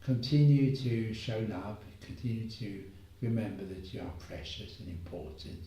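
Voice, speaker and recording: A man telling a moral story as a gentle, unhurried homily, pausing often. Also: fairly low pitch. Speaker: preacher. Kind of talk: reflective spoken homily. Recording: echoey room, voice far from mic.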